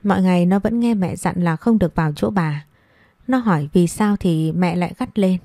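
A woman storyteller with a low, mellow voice reads a story aloud in a steady, even manner. The recording is dry and close, with no room sound. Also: normal speed, no room sound. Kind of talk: scripted narration.

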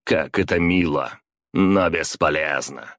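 A man voicing a cruel, weary male villain who possesses another's body, speaking slowly with mocking contempt. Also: extremely low pitch, a bit bright, no room sound, studio quality, exaggerated voice. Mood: sneering. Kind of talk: audiobook character voice.

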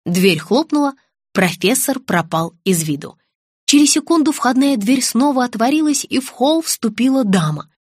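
Woman narrator, audiobook, ironic, lively, high voice, dry close recording. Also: normal speed, breathy edge, no room sound.

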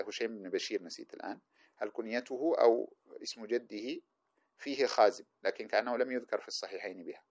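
A man teaching hadith sciences in a lecture, reading passages aloud and spelling out the letters and vowels of names as he explains them. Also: medium pitch. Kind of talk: lecture commenting on a classical text. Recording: dull lo-fi recording.

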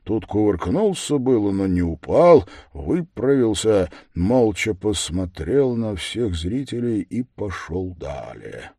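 A man narrates an audiobook in a measured way, sinking low and quiet on the reflective lines. His voice sits low but moves a lot in pitch. The recording is dry and close. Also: very animated, slightly rough, no room sound. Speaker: audiobook reader. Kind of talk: scripted narration.

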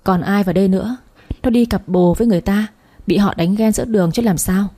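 An angry young man lectures his mother bluntly and reproachfully, as a woman narrator reads him. The voice is dark and husky, close to the reader's own. It is a storybook reading. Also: medium pitch, fast, dry recording, close to an everyday voice. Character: angry young husband and elder brother, blunt.

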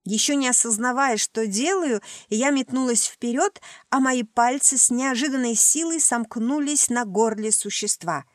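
A woman narrating a first-person fantasy audiobook with tense, dramatic pacing. Her voice sits slightly high, and sharp commands break through the telling. The recording is close and dry. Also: moderate pace, dry recording.

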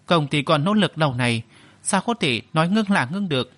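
A man's voice: on the high side, animated, fairly quick, a bit bright. A man voicing a bitter, vengeful young man in an audio story, speaking coldly and curtly. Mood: scheming. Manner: cold and curt.

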